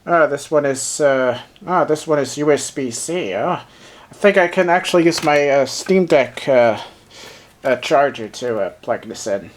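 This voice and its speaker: Speaking English with a German accent, a man unboxes and reviews a handheld gadget, thinking out loud and using many fillers. His voice is medium-pitched with lively intonation and a measured pace.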